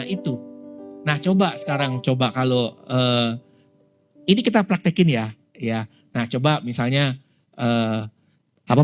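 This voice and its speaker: A man, preaching as a pastor in a relaxed, conversational way and often asking his congregation questions. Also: medium pitch. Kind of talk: sermon. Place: prayer room in a mall.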